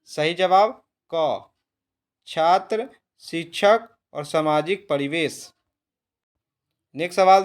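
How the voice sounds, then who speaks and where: A man with a fairly high voice presents teacher-exam quiz questions. He reads each option in a steady, measured way and slows noticeably when he gives the right answer. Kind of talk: reading multiple-choice questions and answers.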